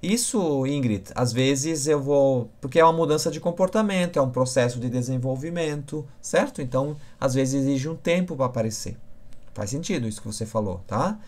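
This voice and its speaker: A man's voice: mid-range voice, moderate pace, a little mellow. A man teaching on a live stream, answering viewers by name and checking in often with short questions. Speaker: communication instructor.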